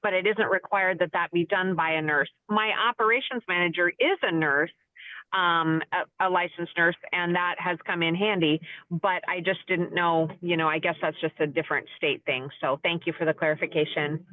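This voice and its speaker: A woman's voice: fairly low pitch, normal speed, no room sound. A woman who owns a home care agency calls into a webinar from her car on speakerphone. She asks her question politely and appreciatively, a little hesitant with frequent ums. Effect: talking from a car over a speakerphone. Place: in a car while driving. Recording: tinny, dry phone-line audio.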